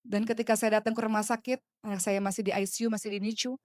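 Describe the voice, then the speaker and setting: A woman in her thirties giving an impassioned religious talk to women, with rhetorical questions, swinging between hushed and loud. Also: mid-range voice, little pitch movement, fast talker, no room sound, studio quality. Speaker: preacher.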